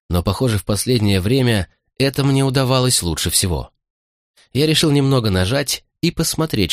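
Low-voiced man narrating an audiobook. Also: no room sound, studio quality. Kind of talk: first-person audiobook narration.

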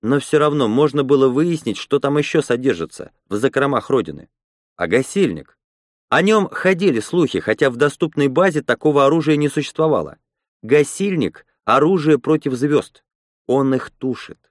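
Man doing a shaken young woman, explaining, uneasy, raised voice, lively, dry audiobook. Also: medium pitch, normal speed, dry recording, voice pushed up, close to an everyday voice. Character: woman Lena, shaken but knowing insider.

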